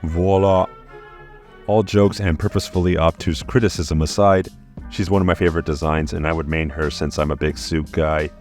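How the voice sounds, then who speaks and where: A man's voice: rumbling low, flat delivery, a little fast, soft background music. A young adult man hosting a comedic video, talking through design ideas with a dry, joking delivery. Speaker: YouTube host. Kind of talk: comedic commentary vlog.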